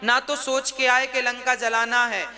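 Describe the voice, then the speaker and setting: High-voiced male devotional preacher. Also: a little slow. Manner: expressive, rhetorical questions. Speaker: religious storyteller. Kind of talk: devotional sermon. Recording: music playing behind.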